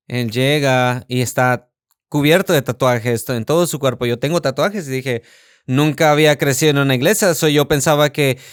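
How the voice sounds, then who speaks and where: Animated man preaching a testimony. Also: a little high, clear, resonant tone, no echo, clean studio sound. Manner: storytelling, animated, acts out quotes. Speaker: pastor. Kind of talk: sermon with personal testimony. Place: church.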